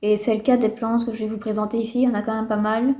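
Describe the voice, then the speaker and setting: Mellow-voiced woman chatting about houseplants. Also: on the high side, level tone, fast. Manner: chatty, hesitant with many fillers, mildly disappointed. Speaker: houseplant vlogger. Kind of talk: casual chat to camera. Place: indoors at home. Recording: roomy echo.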